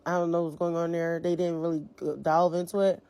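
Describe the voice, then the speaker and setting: A woman's voice: lowish voice, level tone, a little fast, dark tone. A woman giving a casual, rambling review of a series episode, full of fillers, repeated phrases and slang. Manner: slangy and emphatic.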